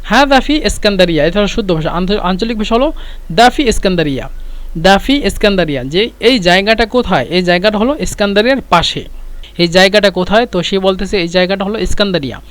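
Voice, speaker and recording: A man teaching Arabic vocabulary, repeating each phrase slowly and spelling out its letters. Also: sits high, expressive, a bit bright. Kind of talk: explaining vocabulary lesson.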